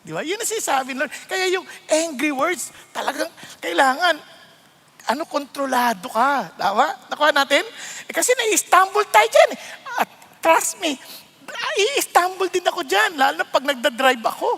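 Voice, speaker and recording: A middle-aged male pastor preaching a lively sermon, laughing often and mixing English phrases into his talk. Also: very high-pitched, normal speed, gravelly, long reverb tail.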